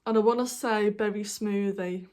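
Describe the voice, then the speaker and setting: A woman's voice: mid-range voice, steady tone, moderate pace, darkish tone. A woman hosting a knitting podcast, chatting casually and meandering with lots of ums and apologies while she shows her projects. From United Kingdom. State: hiccuping. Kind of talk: casual show-and-tell vlog.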